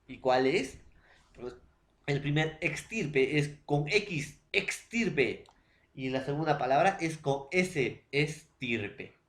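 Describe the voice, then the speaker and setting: A man teaching a secondary school lesson. He repeats points, asks his own questions and answers them. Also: medium pitch. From Peru. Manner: addresses students as "jóvenes". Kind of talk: recorded classroom lesson.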